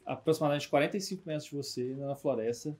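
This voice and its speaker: A man's voice: a little high, quick pace, a little mellow. A man running a tabletop game as game master, describing scenes with many small hesitations. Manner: descriptive, hesitant narration with fillers.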